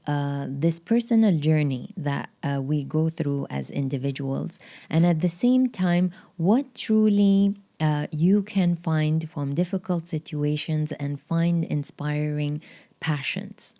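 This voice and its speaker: A woman hosting a podcast interview, her voice pitched low with a mellow, darker tone. She talks earnestly and often pauses with fillers as she introduces her guest. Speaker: podcast host.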